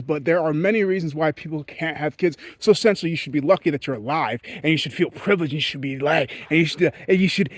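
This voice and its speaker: A Haitian vlogger talks directly to his audience in a candid, rambling rant loaded with swearing. He is blunt, and his slightly high voice jumps up and drops low suddenly. The sound is close and dry, with no echo or room around it.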